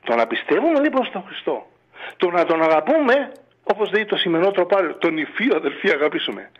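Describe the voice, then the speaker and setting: A man, a monk on a radio call-in, preaches in a fatherly, urging way and keeps asking rhetorical questions. His voice runs high and swings widely in pitch. The sound is dull and lo-fi, like old radio. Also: big pitch swings. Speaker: monk giving a radio interview. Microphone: radio studio or phone line.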